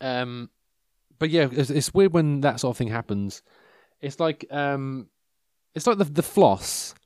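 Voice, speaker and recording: Unusually for the group, this mid-thirties man keeps a measured pace, though his mid-range, darkish voice has lively intonation and no echo. His casual monologue wanders as he interrupts himself and drifts off track, with dry jokes at his own expense.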